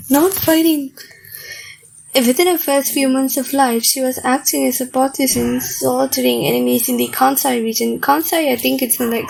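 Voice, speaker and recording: A young woman casually reacting to a manga chapter, reading panels aloud between excitable, slangy asides. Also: high-pitched, vocal fry, rough recording.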